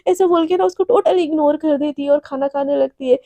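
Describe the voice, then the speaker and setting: A woman's voice: high-pitched, brisk, warm tone, no echo. A woman narrating a story in a casual, chatty way. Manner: informal, chatty.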